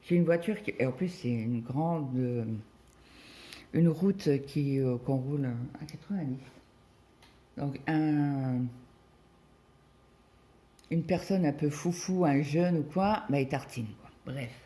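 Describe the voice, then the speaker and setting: A middle-aged woman from France talks casually as she stitches, her voice dark and mellow. She rambles through a story with many fillers and quoted back-and-forth. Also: low-pitched, slow pace, pauses often. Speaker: crafting vlogger. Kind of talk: casual chat while cross-stitching.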